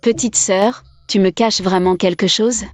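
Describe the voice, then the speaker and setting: A woman's voice: mid-range voice, steady tone, a little slow, dry recording, clean studio sound, lightly acted. A woman voicing a young sister of a wealthy family in a dubbed short drama, with music behind. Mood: probing.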